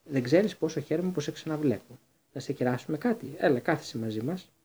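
A man doing a smooth, pompous wizard minister. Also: fairly high pitch, lively intonation, darkish tone, voice pushed up. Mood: confiding. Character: pompous middle-aged male wizard minister.

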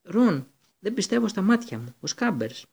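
A man's voice: on the high side, lively intonation, gravelly, warm tone, pitched above the performer's own voice. A man voicing an anxious, clever teenage schoolgirl who pleads urgently. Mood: shocked.

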